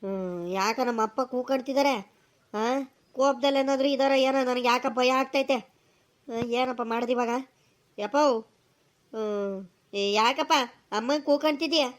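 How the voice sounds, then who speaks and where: A woman's voice: high voice, unhurried, pauses often. A woman voicing a nervous grown village son who stammers out excuses, speaking with a rural Karnataka accent. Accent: rural Karnataka Kannada.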